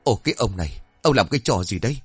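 A man voicing a greedy fake village medium woman who bosses people briskly and fakes a dead mother's voice. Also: on the low side, lively intonation, husky, no echo, faint music behind. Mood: annoyed. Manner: brisk and bossy, then feigning a dead mother's voice.

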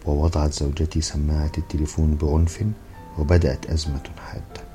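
A man narrating a humorous book in a dry, measured storytelling manner. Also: very deep voice, flat delivery, mellow, faint music behind. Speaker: audiobook narrator.

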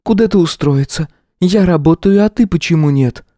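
A man voicing a weary, hurt young woman in an audiobook, speaking in a raised, strained voice with quiet sarcasm. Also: on the high side, normal speed, no echo, clean studio sound, voice pushed up, close to an everyday voice. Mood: sarcastic. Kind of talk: audiobook character reading.

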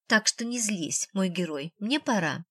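A woman's voice: medium pitch, expressive, unhurried, sharp tone, breathy edge, no room sound, clean studio sound, heavily acted. A woman voicing a playful, elusive young woman who teases her date, in an audiobook. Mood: teasing.

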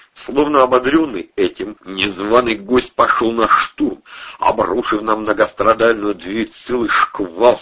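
A man narrating an audiobook with expressive, animated storytelling. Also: on the low side, husky. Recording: muffled lo-fi audio.

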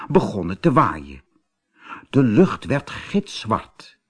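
A man reading a children's fairy tale aloud in an expressive, animated storytelling manner. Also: medium pitch. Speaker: audiobook reader.

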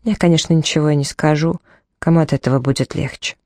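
A woman's voice: low-pitched, fairly even intonation, fast talker, warm tone, dry recording, studio quality. A woman reading a novel aloud in the first person, dramatically, acting out the dialogue as she tells it. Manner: dramatic, voicing dialogue in the telling. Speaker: audiobook reader.

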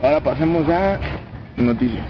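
A Mexican man in a relaxed podcast chat, his voice a touch high for a man and a little muffled. Cars rumble steadily in the background of the outdoor park recording. He leans on fillers as he explains the news. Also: moderate pace. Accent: Mexican Spanish. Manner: relaxed, many fillers like "este" and "pues". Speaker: podcast co-host reading news. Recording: dull lo-fi sound with loud traffic noise outdoors.

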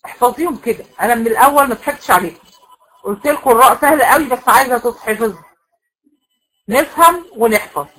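A woman's voice: fairly high pitch, quick pace, a bit bright, low-quality recording. A woman with an Egyptian accent teaching a recitation class to women students, explaining rules step by step and asking the class questions that she answers herself. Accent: Egyptian Arabic. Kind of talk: classroom lecture.

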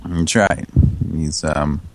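A man hosting a prank call show, deadpan and hesitant, with many restarts. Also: very deep voice, slow. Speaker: host.

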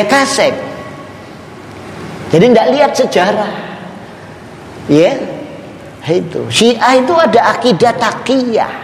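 A middle-aged man, giving a religious lecture, slow and emphatic, asking his audience questions. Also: high voice. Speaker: Islamic preacher. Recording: echoey hall recording, faint noise.

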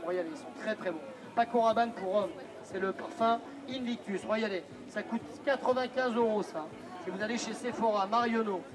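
Male fairground pitchman, high voice, loud insistent barker patter with teasing asides, outdoors amid a busy crowd. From France. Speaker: street-fair perfume pitchman. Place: outdoors at a busy street fair. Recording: outdoor street fair with crowd noise.

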